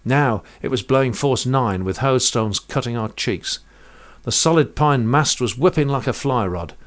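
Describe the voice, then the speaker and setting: A man narrating a first-person sea story in a vivid, measured way, rich with sailing terms. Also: medium pitch, expressive.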